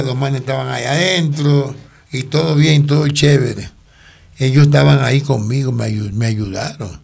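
An older man gives a rambling personal testimony, often breaking off and restarting his sentences. His voice is gravelly and husky, sitting a little high for a man. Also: darkish tone. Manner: rambling storytelling with frequent restarts. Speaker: interviewee telling his life story.

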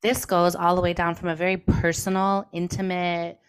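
A woman's voice: lowish voice, flat delivery, normal speed, smooth. A woman recovering from the flu with a sick voice, co-hosting a podcast and speaking in an earnest, reflective way. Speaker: podcast co-host and trauma therapist. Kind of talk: casual podcast conversation. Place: remote recording, apart from co-host.

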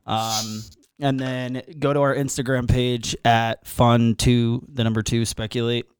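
A man's voice: medium pitch, level tone, unhurried, clear, resonant tone, dry recording, clean studio sound. A man co-hosting a casual podcast as its producer, laid-back and laughing often.

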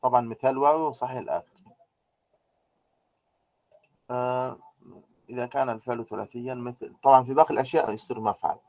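A man teaching a grammar lesson. He explains step by step, asking rhetorical questions and filling pauses with drawn-out "aah" sounds. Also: medium pitch, steady tone, a little mellow, dry recording. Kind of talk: grammar lecture.

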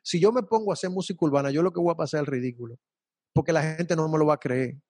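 A man's voice: fairly high pitch, rapid-fire, mellow, no room sound. A young man, a salsa singer talking casually and animatedly in an interview, full of slang and repeats. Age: young adult.

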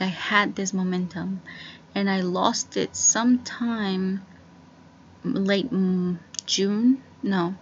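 A woman's voice: mid-range voice, dull audio, slight background noise. A woman in her twenties rambling through a casual solo podcast, with lots of fillers and restarts. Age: 20s. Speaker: podcast host.

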